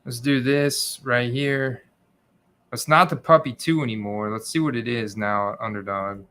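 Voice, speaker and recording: A man's voice: mid-range voice, steady tone, a little slow, pushed and bright. A man hosting a livestream, chatting casually and informally with his viewers. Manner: informal, addresses viewers as guys. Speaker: livestream host.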